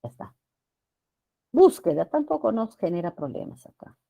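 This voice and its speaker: A woman teacher giving a grammar lesson to students, often checking in with them and drawing out words slowly for emphasis. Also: medium pitch, very animated, vocal fry, highs cut off. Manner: addresses students with frequent checking questions.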